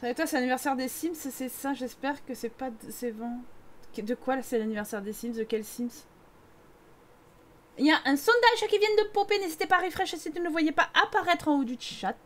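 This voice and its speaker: Young parisian woman on a live stream, high voice, teasing chatter with viewers. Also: animated, brisk, a little hiss or hum. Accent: Parisian French. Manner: chatty, teasing, reads chat aloud. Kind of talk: casual live-stream chat over gameplay.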